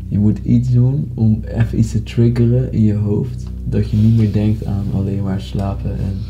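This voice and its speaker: Male friend type, fry-heavy, flat-toned, coaxing and colloquial, music behind him. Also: lowish voice, moderate pace. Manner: coaxing, slangy. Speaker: friend helping with the experiment. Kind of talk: casual chat. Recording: dull sound, music laid under. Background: background music.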